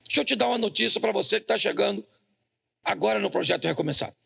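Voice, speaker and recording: A man's voice: high-pitched, fast, vocal fry, sharp tone, breathy edge. A man preaching a humorous sermon as a pastor in a church, with a Brazilian Portuguese accent, joking and telling stories to the congregation. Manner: joking, storytelling, calls on the congregation. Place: church hall.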